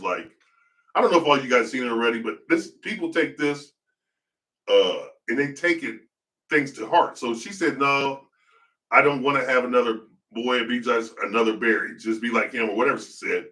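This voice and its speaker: A man's voice: medium pitch, bright, forceful tone, far from the mic. A man hosting a podcast, riffing in casual, profane, rambling gossip commentary and laughing often. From United States. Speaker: podcast host.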